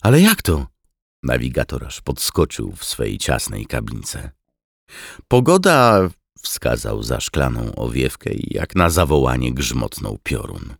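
A man narrating an audiobook with a very deep, gravelly voice. His reading is steady and measured, and the sound is dry and close with no room around it. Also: no room sound. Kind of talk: scripted narration.

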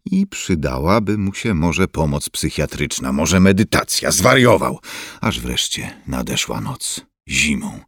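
A man narrating an audiobook in a very deep voice that still moves lively through its pitch. The reading is measured and expressive, recorded close and completely dry. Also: husky, no echo. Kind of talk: scripted narration.

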